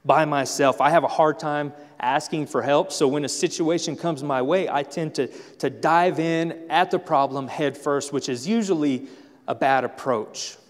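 Animated man preaching in a reverberant church. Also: fairly high pitch, moderate pace. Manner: animated storytelling, acts out family scenes. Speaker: pastor. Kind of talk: sermon. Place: church sanctuary.

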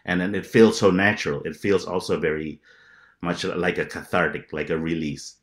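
Low-voiced man from Indonesia, thirties, reflective and halting, video call. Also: steady tone. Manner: hesitant, reflective, many restarts. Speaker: panelist, improviser. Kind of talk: casual video call chat.

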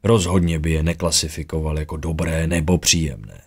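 A man narrating a fantasy audiobook in a steady storytelling manner. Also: extremely low pitch, breathy edge.

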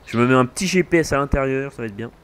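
A man's voice: mid-range voice, very fast, clear, resonant tone. A man commenting casually while playing a farming game with a friend, often exclaiming. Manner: animated, exclaiming. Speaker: gaming commentator. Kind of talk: casual gaming chat.

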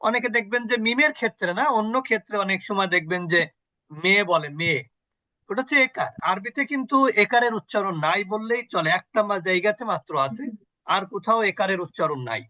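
A man's voice: sits high, fast, pushed and bright, dry recording, muffled recording. A man teaching an online Quran recitation class on a video call, patiently quizzing his students and repeating sounds for them.

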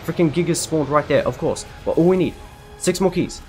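A man's voice: fairly high pitch, a little fast, faint music behind. A man giving live commentary over his gameplay, frantic and anxious, repeating himself over and over as he talks. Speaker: gaming video creator.

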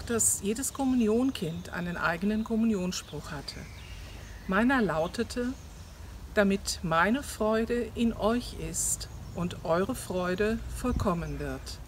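A woman's voice: medium pitch, slight background noise. Woman in her fifties sharing a memory. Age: 50s. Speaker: parishioner. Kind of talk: personal memory.

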